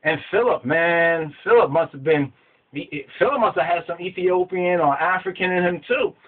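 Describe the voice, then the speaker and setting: A middle-aged man teaching scripture to a webcam in a small room, animated and gesturing, often repeating words as he searches for the next one. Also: high voice, moderate pace. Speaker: religious teacher. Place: small indoor room with whiteboard. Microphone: webcam at desk. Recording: tinny phone-like webcam audio.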